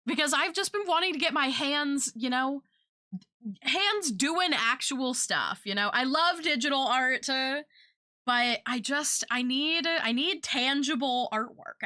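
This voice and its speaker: A woman's voice: high voice, sharp tone, no echo, studio quality. A woman chatting casually on an art livestream, rambling and thinking aloud. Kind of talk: casual, rambling livestream chat while drawing.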